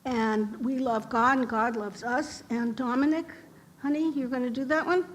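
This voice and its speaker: A woman leading a family worship service in a synagogue, speaking gently and encouragingly to the children helping her. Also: high-pitched, fairly even intonation, normal speed. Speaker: service leader. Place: synagogue sanctuary. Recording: noisy live room recording.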